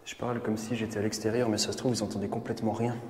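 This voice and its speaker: A man's voice: lowish voice, level tone, rapid-fire, a little mellow. A man exploring an underground bunker and filming a vlog. He talks to his viewers nervously and cracks jokes, and the concrete rooms give his voice a cathedral-like echo. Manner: nervous, joking, talking to viewers. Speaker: urban explorer filming a video. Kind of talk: vlog narration while exploring. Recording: echoey underground bunker, long reverb, faint ambience.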